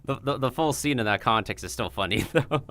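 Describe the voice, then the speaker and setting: A man's voice: medium pitch, quick pace, sharp tone. A man hosting a livestream, chatting casually in a rambling way peppered with filler words. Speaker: streamer and host.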